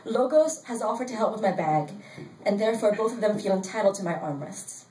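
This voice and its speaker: An older woman reading her own story aloud at a live event, in a wry, deadpan storytelling manner. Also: medium pitch, a little fast, distant mic. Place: bar event space, indoors. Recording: roomy sound from off-mic, faint crowd noise.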